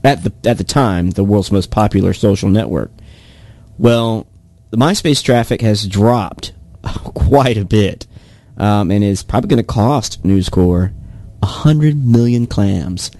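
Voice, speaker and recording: Young male co-host, low dry delivery, hesitant, close dead sound. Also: unhurried, mellow, no echo. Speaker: podcast co-host. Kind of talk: casual tech news chat.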